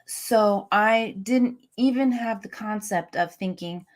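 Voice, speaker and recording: A young adult woman talks openly as an interview guest. Her delivery is candid and emotional, loose with casual fillers. Her voice sits at an ordinary middle pitch. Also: slow pace. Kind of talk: candid personal interview talk.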